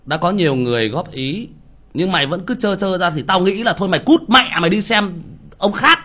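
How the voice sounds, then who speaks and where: A man's voice: sits high, animated, a little fast, sharp tone. A man who reads audiobooks on a livestream, scolding a viewer with profanity and rhetorical questions.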